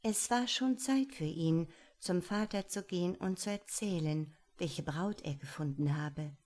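A woman reading a fairy tale aloud in a measured storytelling manner. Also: on the low side, darkish tone.

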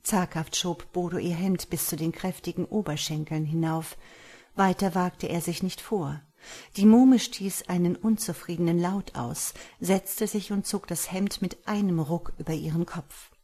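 A woman reads a dark fairy tale aloud in a measured, dramatic way. Her voice sits low and sounds somewhat husky and breathy. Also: steady tone. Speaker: narrator. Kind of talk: storytelling audiobook narration.

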